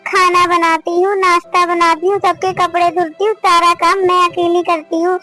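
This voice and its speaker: A woman's voice: very high-pitched, pushed and bright. A woman voicing an overworked young daughter-in-law in a cartoon family drama, pleading and complaining. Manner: pleading, plaintive.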